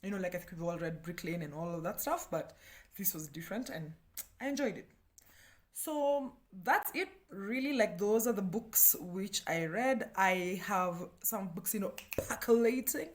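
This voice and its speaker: Reviewing books in a relaxed vlog, a Kenyan woman whose native language is Kikuyu talks at normal speed in a medium-pitched voice. Her chat is slangy and self-deprecating, and she frequently bursts out laughing.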